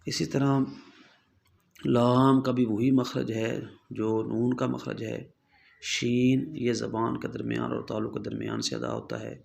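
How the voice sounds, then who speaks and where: A man teaching the rules of Quran recitation, explaining patiently and repeating himself, slowly demonstrating pronunciations and checking in often with his students. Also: mid-range voice, vocal fry, slight background noise. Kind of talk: explanatory tajweed lesson.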